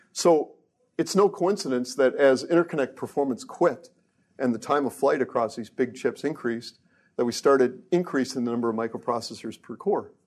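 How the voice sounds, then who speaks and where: A middle-aged man lectures on hardware research in a relaxed, offhand way. He drops wry jokes into the technical points and often stumbles and restarts mid-sentence. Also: medium pitch. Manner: casual, joking asides, frequent restarts. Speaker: research engineer giving a lecture.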